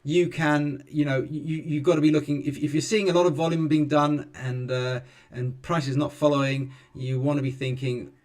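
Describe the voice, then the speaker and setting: A man in his forties giving live trading commentary, thinking aloud calmly and explaining as he goes, with frequent ums and self-corrections. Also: on the high side, normal speed, hardly any pauses. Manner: calm, explanatory, teaching as he watches. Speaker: futures trader streaming live.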